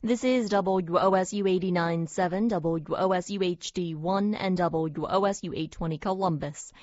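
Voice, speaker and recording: A woman radio station announcer giving a steady, scripted read of station IDs, promos and the weather, with a tinny radio sound. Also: fairly low pitch, normal speed, no room sound. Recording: dull lo-fi radio broadcast, dry.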